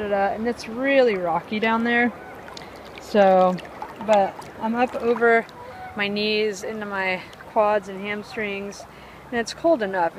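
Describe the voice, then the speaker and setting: A woman talks straight to her viewers by a river in an easy, rambling vlog style, full of "like" and "um." Her voice sits in a middle pitch and turns bright and eager as she gets excited. Faint outdoor noise hums behind her handheld phone recording. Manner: chatty, full of "like" and "um" fillers; excitable and upbeat. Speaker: vlogger. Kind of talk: casual vlog chat.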